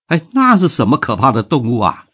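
A man's voice: medium pitch, wildly swooping pitch, brisk, husky, exaggerated voice. A man voicing a bold, hot-tempered young strongman in a told folk tale. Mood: curious. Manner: forceful, commanding speech.

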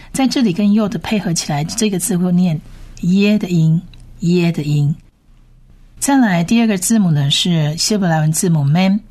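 A woman teaching how to read Hebrew words, spelling out each sound and repeating it slowly. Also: fairly low pitch, a little mellow. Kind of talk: slow reading lesson.

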